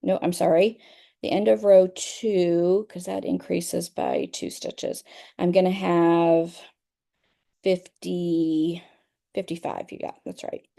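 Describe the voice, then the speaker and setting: A woman's voice: on the low side, little pitch movement, slow pace, gravelly, mellow. A middle-aged woman teaching a crochet pattern in a casual, chatty way, often repeating herself and checking in with "okay?". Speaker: crochet instructor. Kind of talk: casual tutorial explanation.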